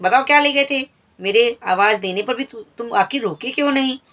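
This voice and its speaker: A woman voicing an angry, suspicious housewife who scolds her servant boy in shrill shouts, on a slightly dull recording. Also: brisk, recorded from a distance, natural voice. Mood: angry shouting.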